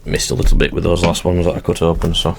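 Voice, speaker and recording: A man with a low voice gives casual, running commentary as he works through a box of card packs. He is chatty and narrates each small step aloud as he goes. A faint background hiss sits under his voice. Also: completely flat delivery, fast, vocal fry. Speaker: channel host.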